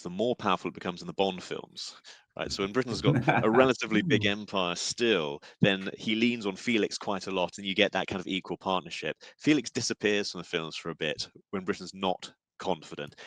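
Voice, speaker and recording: A man's voice: low voice, a bit bright, no echo. A man being interviewed as a podcast guest, explaining his ideas in an articulate, academic way. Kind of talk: casual podcast chat.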